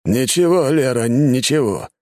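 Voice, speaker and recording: Мужчина играет старого властного князя, медленная речь. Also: male voice, mid-range voice, expressive, darkish tone, no room sound, voice pushed up, lightly acted. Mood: measured. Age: older. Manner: slow, weighty and thoughtful. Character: old, powerful, scheming grand prince. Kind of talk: audiobook character voice.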